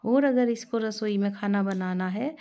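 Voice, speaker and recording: A woman voicing a harsh, greedy older mother-in-law who scolds and taunts in a raised, shrill voice. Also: fairly even intonation, unhurried, darkish tone, lightly acted. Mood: scolding.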